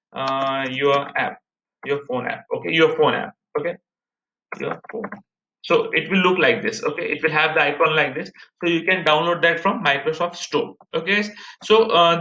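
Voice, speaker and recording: A man in his thirties with an Indian accent gives a casual screen-share tutorial, going step by step, repeating himself, and calling viewers "guys." His voice is fairly high, bright, and forceful. The recording sounds muffled and echoey, as if made in a room.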